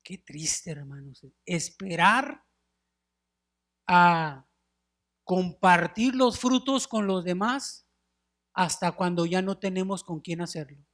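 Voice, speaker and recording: Male pastor, middle-aged, animated sermon storyteller with a bright tone. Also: high voice, slow pace, long pauses. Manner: animated storytelling, acts out wailing mourners; addresses listeners as brothers, drops in English words. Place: church sanctuary.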